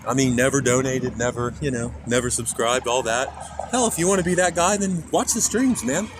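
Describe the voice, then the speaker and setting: A man's voice: mid-range voice, fairly quick. A man from Kansas rambling casually on a live stream, chatting to viewers and reading out chat as he talks, recorded on a phone outdoors near traffic. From Kansas, USA. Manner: rambling, jokey, reads chat aloud. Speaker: IRL streamer. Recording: phone recording with clear traffic noise outside.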